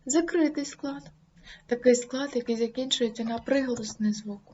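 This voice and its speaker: A woman teacher giving a grammar lesson, saying example words slowly and deliberately. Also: warm tone. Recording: dull low-fi recording, faint noise.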